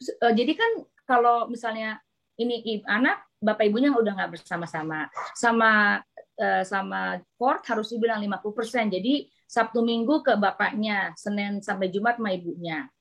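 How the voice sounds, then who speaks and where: A woman pediatrician from Indonesia chatting in an interview, telling animated stories about her patients and mixing in English terms. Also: medium pitch, moderate pace, gravelly. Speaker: pediatrician guest. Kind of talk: casual interview chat.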